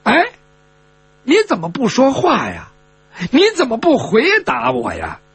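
A man's voice: extremely high pitch, wildly swooping pitch, measured pace, husky, dry recording, heavily acted. A man doing a sneering spoiled young swordsman. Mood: needling. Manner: taunting, needling, sneering.

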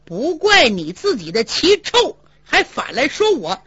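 A woman storyteller puts on a hot-tempered male warrior who blusters and jeers at full volume. His voice rides high and bright, and the recording is dull and lo-fi. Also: huge pitch swings, unhurried, dry recording, exaggerated voice. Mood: taunting. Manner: loud, blustering, taunting. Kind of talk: traditional storytelling performance.

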